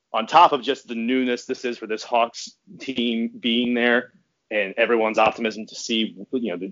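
A male podcast guest chats casually on a sports show, giddy and rambling, often restarting his sentences and laughing. His voice is medium in pitch with a fairly bright tone, and the audio sounds dull.

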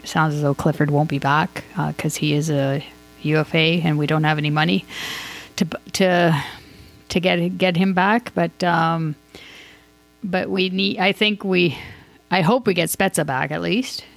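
A woman talking casually as a sports podcast host, rambling and thinking out loud as she gives her opinions. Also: low voice, steady tone, unhurried, vocal fry. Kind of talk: casual hockey commentary.

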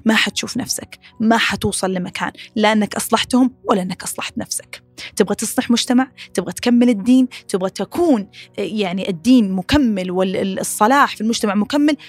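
A woman hosting a podcast, giving casual advice, animated and repeating phrases as she talks. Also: no room sound, faint music behind. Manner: animated, acts out quoted critics in a higher voice; rapid, repeats phrases, many fillers. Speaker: podcast host.

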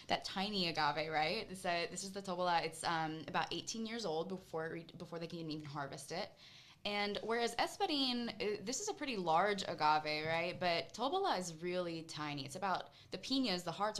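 A woman's voice: lowish voice, a bit bright. A woman guest on a podcast, explaining spirits in an enthusiastic, knowledgeable way during casual chat. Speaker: mezcal brand guest.

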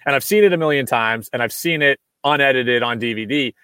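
A man's voice: mid-range voice, fairly quick, pushed and bright, smooth, dry recording, clean studio sound. A man hosting a casual radio interview who asks curious, playful questions. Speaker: radio host.

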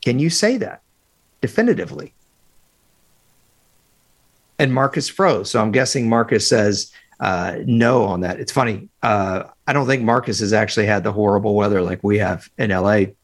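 Male podcast co-host, casual, opinionated, excitable delivery over a remote call. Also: on the low side, normal speed. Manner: animated, opinionated, talks in bursts with fillers. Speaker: podcast co-host, football analyst. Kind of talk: casual sports podcast chat.

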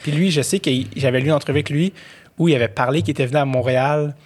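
A man's voice: a little high, rapid-fire, slightly rough. A man with a Québécois French accent in casual podcast chat, rambling with many fillers and restarts.

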